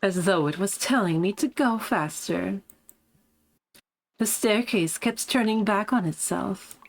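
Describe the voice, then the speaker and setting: A woman voicing a smug, posh woman narrating her own story in first person, reading visual novel text aloud in a measured voice. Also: mid-range voice, gravelly, rough recording. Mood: tense.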